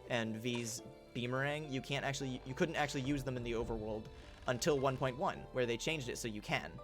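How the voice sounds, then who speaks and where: A man's voice: medium pitch, fairly quick, over music. A man streaming a game, explaining mechanics in casual, rambling commentary with many fillers.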